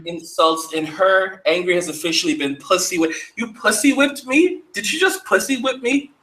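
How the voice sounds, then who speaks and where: A man's voice: high-pitched, expressive, moderate pace, pushed and bright, reverberant, poor audio. A man hosting a casual podcast, reading viewer comments aloud with crude jokes and frequent laughter. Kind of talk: casual chat.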